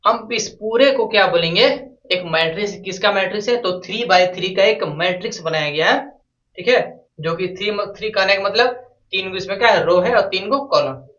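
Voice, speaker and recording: High-voiced man teaching math, echoey room. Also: a little fast, a bit bright. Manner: repeats questions to the class and answers them himself. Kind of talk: classroom board lesson. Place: classroom with a board. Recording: echoey room, from a distance, dull lo-fi sound.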